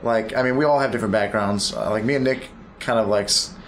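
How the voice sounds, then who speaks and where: A man's voice: on the low side, quick pace, a little hiss or hum. A man from Florida, a band member on a radio interview, talking in a laid-back way full of "like". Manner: laid-back, many "like" and "yeah" fillers. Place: radio studio.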